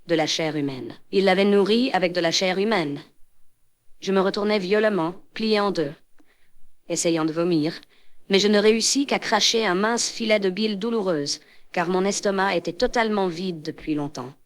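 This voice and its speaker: A woman narrating a French horror story in a measured, dramatic scripted reading. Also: mid-range voice.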